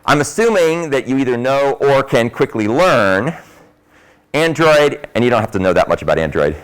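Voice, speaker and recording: A man's voice: mid-range voice, animated, moderate pace, smooth. A man giving an informal, explanatory university lecture in a classroom, his voice muffled by a face mask, with emphatic stresses.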